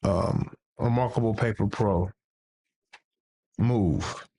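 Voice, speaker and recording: A man's voice: fairly low pitch, slow pace, warm tone, husky. Man rambling on a tech livestream. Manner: rambling and playful, with many restarts. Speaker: livestream host. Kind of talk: casual livestream chat.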